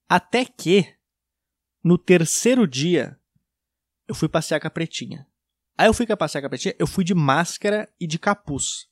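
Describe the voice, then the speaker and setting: A man with a high voice tells a comic story in a casual, rambling way. He restarts often and drops in slang. The recording is dry and close, with no room sound. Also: animated, moderate pace, no echo. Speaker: video creator telling a story. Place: at home.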